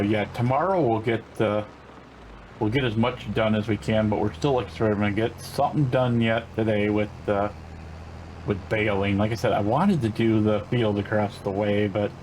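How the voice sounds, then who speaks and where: An older man hosts a gaming channel, chatting casually over a farming game in a lowish, slightly mellow voice. He rambles in a laid-back way, with lots of fillers, restarts, and self-corrections. The low-quality recording has a bit of hiss or hum.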